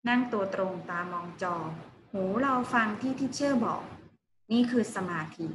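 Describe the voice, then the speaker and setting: A woman teaches young children English over a video call. She talks slowly and patiently, repeating each word for the class to copy. Her voice sits a little high, and the call sounds roomy with a faint hum. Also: lively intonation. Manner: slow, patient, repeats words for kids to copy. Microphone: video call mic.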